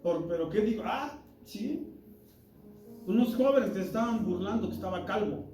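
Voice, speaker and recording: A man's voice: sits high, animated, moderate pace, mellow, a little hiss or hum. A man teaching an interactive church Bible lesson, talking in an emphatic, conversational way and quizzing the listeners. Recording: roomy hall, distant mic, music behind.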